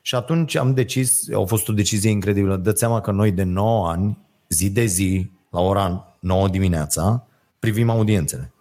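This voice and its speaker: A man's voice: on the low side, darkish tone. A man hosting a casual chat, hesitant and full of fillers. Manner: hesitant, many fillers and affirmations. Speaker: host.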